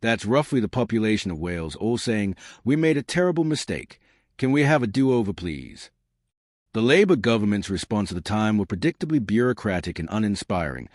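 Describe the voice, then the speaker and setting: Lively low-voiced male commentary narrator. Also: dry recording, studio quality. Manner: emphatic, dramatic, scornful.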